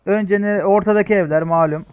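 A man playing a mobile shooter with friends, calmly planning moves and giving orders in casual gameplay chat. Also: high-pitched, fairly quick, highs cut off. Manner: calm, tactical, gives plans and orders. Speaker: mobile game player.

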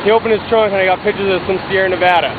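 A man's voice: high voice, steady tone, narrow, tinny audio. A man chatting casually and giving slangy, bro-like advice as he films. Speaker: bystander filming and interviewing. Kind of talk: casual chat, informal interview. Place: outdoors on a wet roadside at night. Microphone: handheld camera. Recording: noisy outdoor video, rushing water.

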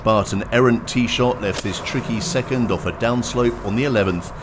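A man reading a scripted highlights narration of a golf tournament over outdoor ambience. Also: moderate pace, background noise.

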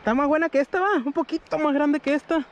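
Speaking fast in an extremely high voice, a young man with a Mexican Spanish accent narrates his kayak fishing trip on a river for a casual vlog. He laughs and shouts with excitement every time he lands a catch. His head-mounted action camera captures dull audio outdoors, with clear background noise.

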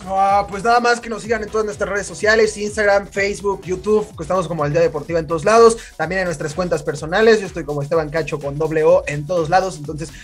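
A man's voice: high-pitched, steady tone, fast, hardly any pauses, faint music behind. A young man with a Mexican accent, co-hosting a podcast, telling stories in casual slang and acting out what people said. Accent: Mexican Spanish. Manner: slangy, laughing, acts out quotes loudly. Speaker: podcast co-host. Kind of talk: casual storytelling chat.

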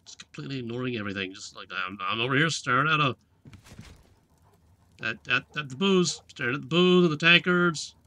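A man's voice: medium pitch, a little fast, sharp tone. A man with a playful, sarcastic manner, joking through gameplay commentary as a let's play host.

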